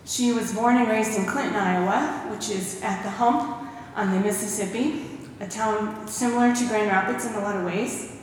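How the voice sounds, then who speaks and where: A woman's voice: mid-range voice, normal speed, hardly any pauses, a little hiss or hum. A woman giving a testimony talk in church, telling stories and quoting scripture. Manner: warm storytelling with scripture quotes. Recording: echoey hall recorded from far off.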